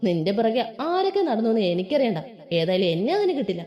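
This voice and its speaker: A woman's voice: on the high side, sing-song, brisk, highs cut off. A woman voicing a cocky young male doctor who mocks and teases. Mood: teasing. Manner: mocking, teasing.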